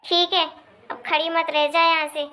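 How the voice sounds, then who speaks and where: A woman's voice: very high voice, little pitch movement, moderate pace, sharp tone, slight background noise. A woman voicing a nagging older mother-in-law who complains and scolds. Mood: scolding.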